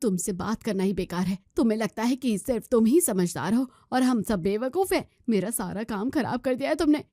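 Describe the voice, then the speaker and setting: A woman voicing a scolding middle-aged mother-in-law who nags in a shrill voice. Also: expressive, brisk, few pauses, mellow, no room sound, clean studio sound. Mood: irritated. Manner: shrill, nagging complaints.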